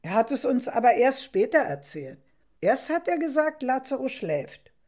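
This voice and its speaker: A woman's voice: high-pitched, very animated, normal speed, darkish tone, pitched above the performer's own voice. A woman voicing the apostle Peter, an earnest grown man who explains things patiently, in a storybook reading.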